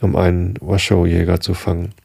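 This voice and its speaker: A man's voice: deep voice, flat delivery, normal speed, gravelly, mellow, breathy edge, no echo, full character voice. A man voicing a grim, determined young frontier hunter in a storybook reading, speaking firmly and urgently. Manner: firm, urgent.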